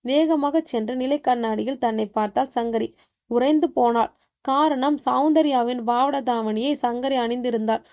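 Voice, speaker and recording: A woman reading a horror story aloud as a storyteller, in an even, measured way. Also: fairly high pitch. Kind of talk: scripted horror story narration.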